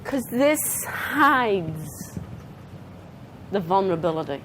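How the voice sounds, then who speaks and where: An Australian woman giving a conference talk as a trauma therapist, animated and acting out dialogue with clients. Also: medium pitch, slow pace, a little hiss or hum. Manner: animated, acts out client dialogue, talks with her hands. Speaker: trauma therapist presenting to counsellors. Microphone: not handheld, clip-on.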